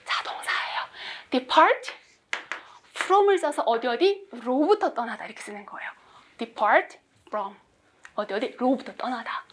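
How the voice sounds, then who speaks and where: A woman's voice: high voice, big pitch swings, moderate pace, a little hiss or hum. A woman in her forties teaching English vocabulary in class, quizzing students and making small jokes. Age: 40s. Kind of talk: classroom lecture.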